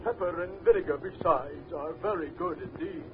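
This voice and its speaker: A man voicing a pompous, sentimental walrus in a storybook recording, speaking slowly and drawn out. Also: fairly high pitch, noisy background, lightly acted. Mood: solemn. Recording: tinny lo-fi old record.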